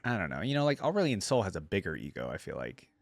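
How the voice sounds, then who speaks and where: A man with a low, sing-song voice hosts a reaction video on game voice lines, talking at a quick pace. He chats informally and with plenty of slang, musing aloud as he goes.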